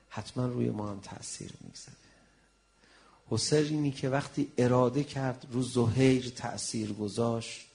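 A man preaching a sermon at a night gathering, telling stories with passion and swinging from loud declarations to hushed lines. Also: mid-range voice, vocal fry. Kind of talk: religious sermon with storytelling.

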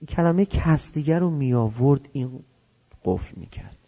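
Gravelly-voiced male preacher telling a story. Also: medium pitch. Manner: lively storytelling, acting out dialogue in changing voices. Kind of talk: religious storytelling sermon.

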